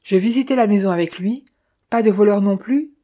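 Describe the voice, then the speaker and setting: A woman's voice: mid-range voice, fairly quick, warm tone, natural voice. A woman voicing Austin, a stern man pressing his brother to confess, who talks in an insistent, questioning way.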